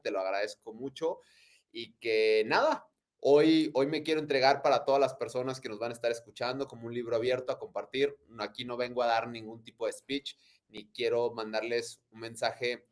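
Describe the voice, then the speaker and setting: A Mexican man in his thirties, speaking as an interview guest. He sounds thoughtful and easygoing, with a joking streak, and his voice sits in an ordinary middle pitch. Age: 30s. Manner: warm, reflective, joking. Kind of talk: casual interview.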